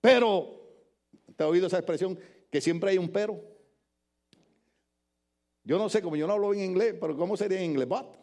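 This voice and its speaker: An older Puerto Rican pastor preaching in church with a notably high voice. He swings from joking asides to emphatic points. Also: a little fast, pauses often, warm tone. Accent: Puerto Rican Spanish. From Puerto Rico. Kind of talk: sermon. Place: church with congregation.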